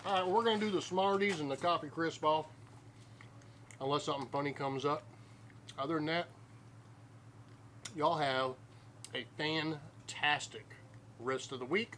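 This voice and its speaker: A middle-aged man with a Southern US accent and a slightly high, fairly bright voice hosts a family snack taste-test video, speaking unhurriedly with long pauses. He chats in a folksy, casual way as he crunches and chews. There is noticeable background noise in the recording.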